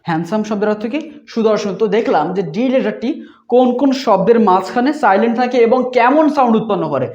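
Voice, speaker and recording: A woman teaching a beginner reading lesson. She spells letters out one by one, repeats words slowly, and asks questions that she answers herself. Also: a little high, lively intonation, darkish tone. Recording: dull lo-fi recording.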